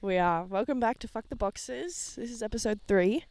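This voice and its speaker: A young woman co-hosting a podcast in casual chat, earnest and explaining things plainly, her voice hoarse from being sick. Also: fairly high pitch, normal speed, darkish tone. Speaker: podcast co-host. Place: outdoors, lying in a hammock.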